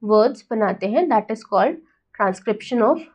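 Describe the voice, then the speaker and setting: A woman from India teaching an exam-prep lesson, mixing Hindi and English with an Indian accent, talking slowly and deliberately and often checking whether students have understood. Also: fairly high pitch, animated. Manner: slow, deliberate, checks understanding with "right?" and "got it?".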